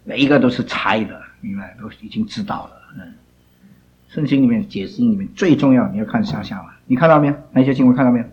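Male Bible class teacher, mid-pitched, stern and questioning. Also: quick pace, highs cut off, a little hiss or hum. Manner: scolding, drilling students with rhetorical questions.

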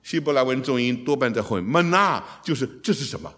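A man delivers a lively expository Bible teaching, posing rhetorical questions to his listeners and slipping in English phrases. His medium-pitched voice moves fast and carries a breathy edge.

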